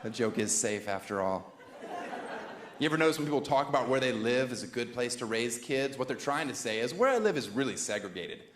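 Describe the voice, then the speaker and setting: A man performing a stand-up comedy set, sardonic and deadpan, slipping into shrill mock voices. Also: a little fast, noisy background. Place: comedy club stage before a laughing audience. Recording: echoey room with loud crowd.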